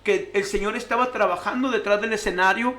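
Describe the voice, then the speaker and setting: A man with a high, bright voice tells his own life story as a radio guest. He acts out the guards and officials in his story as he goes. The sound is close and clear, as from a studio mic. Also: fairly even intonation, a little fast. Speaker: guest sharing testimony. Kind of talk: emotional personal testimony.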